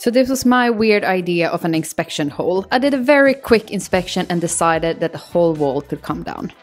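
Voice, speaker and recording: A woman's voice: on the low side, lively intonation, a little fast, faint music behind. Upbeat young woman vlog host. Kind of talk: casual vlog presenting to camera. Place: bare farmhouse room.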